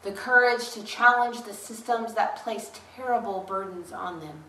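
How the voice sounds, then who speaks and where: A woman slowly reading a solemn litany of prayer for a church service. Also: medium pitch, sharp tone. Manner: measured, grave litany reading. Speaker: worship leader. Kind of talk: slow solemn liturgical reading. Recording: echoey room, distant mic, faint hiss.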